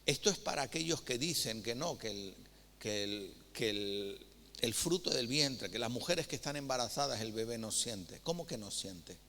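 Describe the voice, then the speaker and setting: A man with a Spain Spanish accent preaching a sermon, telling anecdotes and reading scripture in a lively storytelling manner, with a long reverb of a church hall. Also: mid-range voice, normal speed, a little hiss or hum. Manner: lively storytelling, acting out dialogue.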